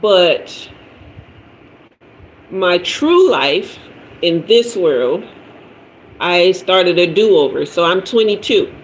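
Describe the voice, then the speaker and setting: Her voice fairly low and sing-song, a tarot livestream host in her 50s talks very slowly and pauses often. She reads comments and chats casually with viewers using slang. There's an echoey room sound and faint noise.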